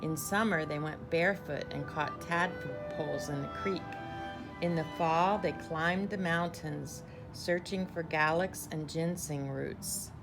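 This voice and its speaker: A woman reads a children's picture book aloud the way a teacher would, measured and deliberate, with clear phrasing. Her voice sits low, and music plays in the background.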